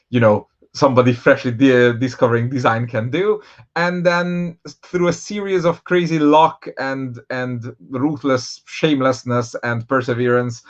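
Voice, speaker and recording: Man chatting, lo-fi sound. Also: medium pitch. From Hungary. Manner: rambling with many fillers and restarts. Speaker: board game designer, guest. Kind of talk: casual conversational interview. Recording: dull, lo-fi sound.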